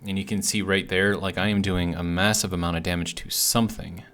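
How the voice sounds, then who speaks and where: A low voice with fairly even intonation and a slightly bright tone moves at a fairly quick clip as this gaming series host chats casually about the gameplay. He thinks aloud with hesitation, and a healing bitten tongue leaves his articulation slightly awkward.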